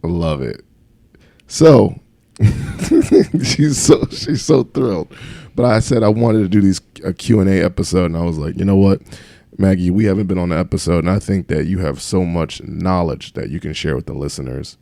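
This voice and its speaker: Deep, gravelly-voiced man hosting a podcast. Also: steady tone, fast talker, mellow, dry recording. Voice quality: pronounces th as f. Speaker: podcast host. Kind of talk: casual podcast chat.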